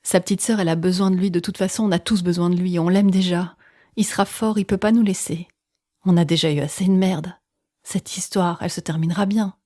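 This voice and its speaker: A woman telling an intimate personal story in the first person, using dramatic pauses, sometimes dropping close to a whisper and acting out what others said. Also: on the low side, fairly even intonation, mellow, dry recording.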